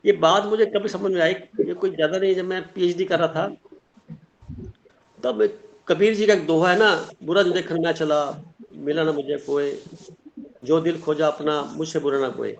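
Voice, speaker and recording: A middle-aged man with a slightly high, steady voice and some vocal fry teaches a spiritual class online at normal speed. He explains things earnestly using everyday examples and sayings, and the lo-fi sound is dull.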